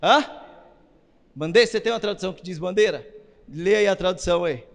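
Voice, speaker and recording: A man preaching a sermon as pastor, asking the congregation questions and building up to shouted emphasis. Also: sits high, fairly quick. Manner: rises to shouting when stressing a point. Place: church. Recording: long reverb of a church hall.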